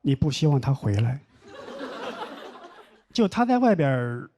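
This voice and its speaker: A young man doing a stand-up comedy set on stage, telling stories with deadpan mock complaints. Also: mid-range voice, a little slow. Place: comedy stage with live audience. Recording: noisy live show audio.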